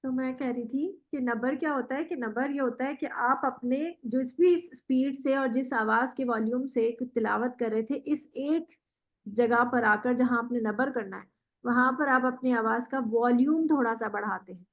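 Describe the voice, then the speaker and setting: A woman teaching Quran recitation in an online class, patiently modelling words slowly and praising the student. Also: fairly high pitch, narrow, tinny audio. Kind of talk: online tajweed lesson.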